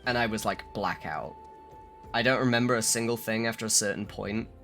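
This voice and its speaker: A hungover man streaming a game, chatting casually and haltingly with some swearing, his voice a little rough. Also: on the low side, fairly bright tone, soft background music. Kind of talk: casual livestream chat.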